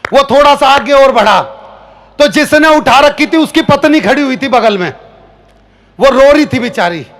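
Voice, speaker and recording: High-voiced man telling a comic story on stage. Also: normal speed. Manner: animated storytelling, acting out many characters. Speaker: comic poet. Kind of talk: stand-up comic poetry performance. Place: stage at a live poetry gathering with audience.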